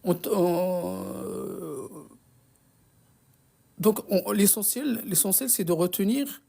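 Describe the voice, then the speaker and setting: A teacher of Arabic reading runs a live online lesson with a mellow, gravelly voice. The delivery is patient and unpolished, full of restarts and little checks like "d'accord?". Arabic blessings come up now and then between the explanations. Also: mid-range voice, expressive, slow pace.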